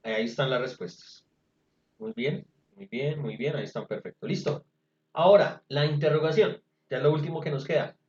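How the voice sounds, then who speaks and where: Patient male tutor, slightly raised pitch, dull roomy video-call sound. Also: moderate pace, a little mellow. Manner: patient, explaining step by step. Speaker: English tutor. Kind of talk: virtual class teaching.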